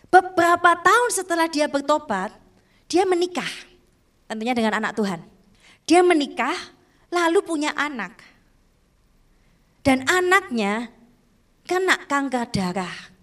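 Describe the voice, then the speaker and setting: A woman preaching a sermon, telling a moving testimony and calling out to her listeners, shifting from loud emphatic lines to soft hushed ones. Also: high-pitched, expressive, unhurried, long pauses. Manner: emotional storytelling, repeatedly addressing listeners as "saudaraku".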